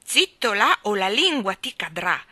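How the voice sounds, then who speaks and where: A woman's voice: mid-range voice, very animated, a little slow, bright, forceful tone, no echo, full character voice. A woman voicing a stern, prim nanny who speaks curtly and severely. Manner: curt and severe.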